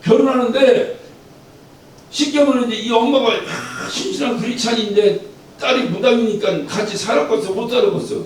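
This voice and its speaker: Male pastor, high voice, casual storytelling sermon, mic far off in a very echoey church. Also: brisk. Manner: chatty storytelling, asks the congregation questions. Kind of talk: conversational sermon. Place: church sanctuary. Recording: very echoey church, distant mic, faint rumble.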